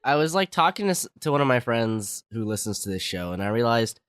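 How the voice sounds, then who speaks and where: A man's voice: mid-range voice, sing-song, a little fast, fairly bright tone, smooth, no echo. A man co-hosting a podcast in casual chat while ill, with a dry joking manner. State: sick, ill voice. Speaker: podcast co-host.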